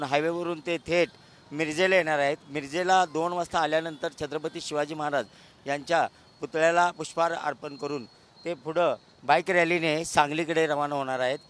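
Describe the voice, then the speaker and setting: A man reporting live from an outdoor town square, steady with brief hesitations. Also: on the high side. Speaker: field reporter. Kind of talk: live news report from the scene.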